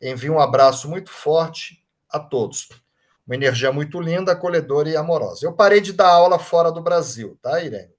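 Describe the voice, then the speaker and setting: Animated and brisk, with a slightly high voice, the man reads viewers' chat messages during his online Reiki study group and thanks each by name. He's a Reiki master with a Brazilian Portuguese accent whose informal warmth shows in tags like "right?".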